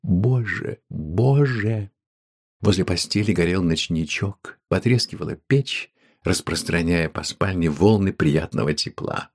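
A man reads a story aloud in a measured, unhurried way. His voice is low and gravelly with a husky, breathy grain. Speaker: audiobook narrator. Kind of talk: scripted narration.

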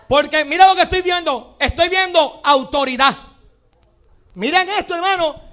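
A man with a Puerto Rican accent preaching a sermon as pastor, animated and acting out little scenes with sudden shouts. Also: extremely high pitch. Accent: Puerto Rican Spanish. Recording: dull lo-fi sound.

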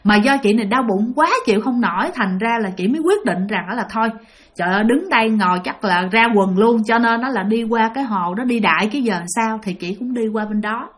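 A woman's voice: fairly high pitch, a little fast. A woman with a Southern Vietnamese accent telling a ghost story in a chatty way, often addressing her listeners directly. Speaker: storyteller host. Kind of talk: casual spooky storytelling.

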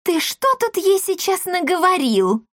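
Woman doing a loud shrill angry mother. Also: lively intonation, moderate pace, dry recording, clean studio sound, lightly acted. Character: hot-tempered rich mother, loud and quick to rage.

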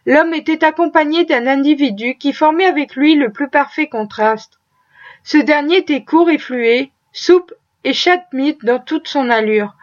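A woman reading a classic novel aloud in a steady, measured way, on a dull lo-fi recording. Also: sits high. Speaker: audiobook reader.

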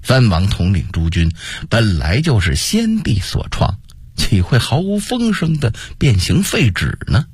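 Man voicing a scheming old monk, slow persuasive delivery, husky, dry close sound. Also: medium pitch, huge pitch swings, a little mellow, dry recording, full character voice. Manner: measured, persuasive, rhetorical questions. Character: shrewd scheming older male Buddhist monk advisor.

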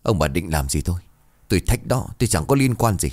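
A drunk, callous husband snarls rude and dismissive lines, as a male narrator voices him. His voice is low and deep, with lively swings in pitch. The sound is dry and close, with no room in it. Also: brisk, no echo. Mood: scornful.

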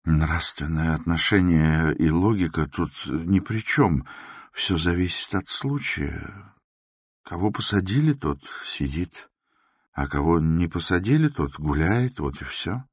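A man voicing a meek, soft-spoken middle-aged doctor in an audiobook, talking quietly and apologetically. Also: low-pitched, expressive, measured pace, husky, no room sound, clean studio sound, heavily acted. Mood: apologetic. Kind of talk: audiobook character voice.

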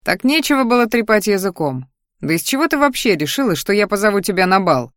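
Woman playing a gruff young warrior. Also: mid-range voice, very animated, moderate pace, no room sound, clean studio sound, close to an everyday voice. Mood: irritated. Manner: gruff and brusque. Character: blunt young male warrior friend, growling.

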